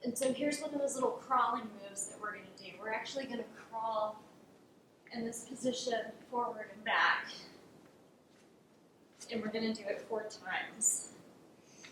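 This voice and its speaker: A woman's voice: on the high side, normal speed, pauses often. Soothing female yoga instructor, encouraging cues and counts, heavily echoing room, distant mic with faint noise. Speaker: yoga instructor leading a class. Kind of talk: guided exercise instruction with counting.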